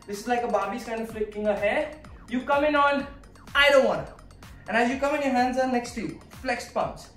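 A woman's voice: on the high side, far from the mic. Woman counting dance steps in an echoey room. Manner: counts beats and breaks down moves while demonstrating. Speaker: dance instructor. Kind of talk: choreography tutorial. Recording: echoey room, voice off-mic, faint music.

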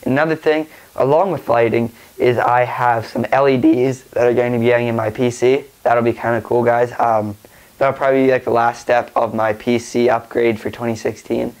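A man's voice: mid-range voice, little pitch movement, moderate pace, darkish tone, low-quality recording. A young man with a stuffy nose from a cold, rambling casually through a tech vlog with lots of fillers and restarts. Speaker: tech vlogger.

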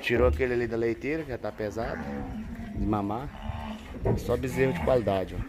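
A man vlogging on a cattle farm, talking casually to viewers and breaking off to yell loud herding calls at the cows. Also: medium pitch, a little fast, heavy background noise. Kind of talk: casual farm vlog narration. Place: outdoors on a cattle farm, by the corrals.

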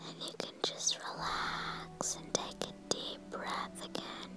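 Very slow whispering woman, whispered role-play. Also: over music. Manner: soothing, unhurried, gently guiding. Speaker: spa therapist in an ASMR role-play.

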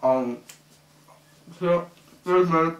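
A young man talking with his mouth full, mumbling a halting, rambling monologue muffled by food as he chews. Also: on the high side. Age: young adult. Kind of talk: halting, rambling monologue to camera while eating. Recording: echoey room, distant microphone.

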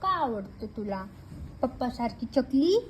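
A woman's voice: a little high, sing-song, a little slow, a little hiss or hum. A mother cooing baby talk to her two little daughters, repeating each question in a sing-song way. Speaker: mother talking to her babies.

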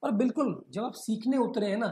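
A man teaching a lesson. He reads lines slowly, then explains them and keeps checking in with his students. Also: high voice, dark tone. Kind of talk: screen-share lesson explaining a text. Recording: echoey room.

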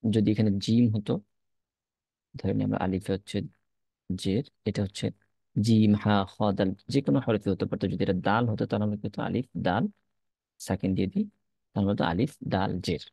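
A man's voice: fairly low pitch, steady tone, fairly quick, vocal fry, long pauses, warm tone, breathy edge, no room sound. A man teaching an Arabic reading lesson, patiently explaining and repeating letter-by-letter drills.

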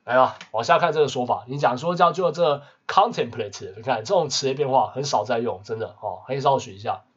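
A man teaching English vocabulary in a casual lesson, constantly adding quick tag questions. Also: mid-range voice, a bit bright, breathy edge. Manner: peppers talk with tag questions. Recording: muffled lo-fi recording.

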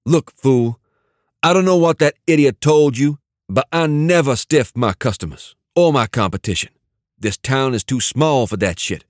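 A man's voice: mid-range voice, lively intonation, moderate pace, no echo, studio quality, voice pushed up, natural voice. A male narrator voicing a hostile, swearing male gang boss on a phone call. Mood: angry.

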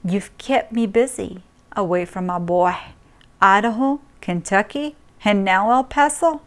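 A woman reading aloud and voicing a menacing, rough male cowboy intruder with a coarse, taunting drawl, in a slow, unhurried delivery. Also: mid-range voice, lightly acted.

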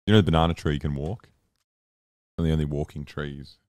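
A man's voice: rumbling low, steady tone, a little fast, a little mellow, no echo. A man from Serbia, a laid-back, dryly amused guest in a casual stream chat.

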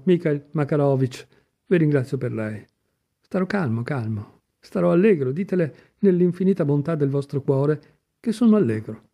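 A man doing Mitya, impassioned and high-strung. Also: warm tone. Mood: pleading. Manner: pleading, exclamatory outbursts. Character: young man, impassioned, excitable, desperate.

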